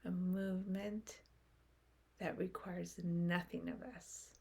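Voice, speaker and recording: A woman guides a meditation gently and without hurry, using short phrases separated by long pauses. Her voice runs low with little pitch movement, creaky and slightly rough.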